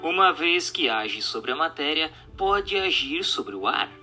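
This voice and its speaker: Reading in an unhurried, expressive voice on the high side, a narrator works through a spiritist book's scripted questions and answers. He sounds formal and didactic, with music in the background.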